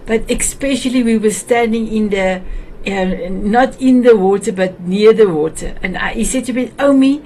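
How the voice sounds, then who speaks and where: A South African woman with an Afrikaans accent hosts a warm, casual video call show, chatty and hesitant with many restarts. Her fairly high, mellow voice moves at a moderate pace, and the low-quality recording has slight background noise.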